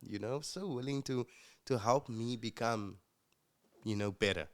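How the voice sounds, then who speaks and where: A young man, a musician guest, telling his personal story in an earnest, reflective way with halting restarts. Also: mid-range voice. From South Africa.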